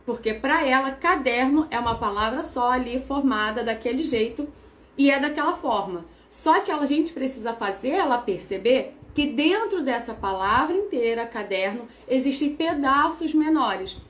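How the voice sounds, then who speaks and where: Brazilian woman teacher, young adult, slightly high pitch, methodical and repetitive in her explanations. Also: expressive, normal speed, fairly bright tone. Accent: Brazilian Portuguese. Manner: patient, methodical, repeats key terms.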